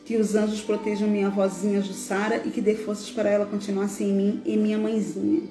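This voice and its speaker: Woman reading gravely in an echoey room. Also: mid-range voice, level tone, fairly quick, over music. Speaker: live show host. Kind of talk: solemn reading of a tribute text.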